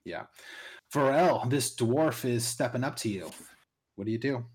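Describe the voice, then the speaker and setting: A man's voice: medium pitch, measured pace, a crowd in the background. A man running a tabletop game as game master, narrating in a casual way and prompting the players with questions.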